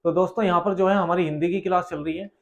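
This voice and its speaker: A man's voice: high-pitched, fairly even intonation, quick pace. A man teaching a grammar lesson for exam preparation, explaining with rhetorical questions and repeating key terms. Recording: dull lo-fi sound.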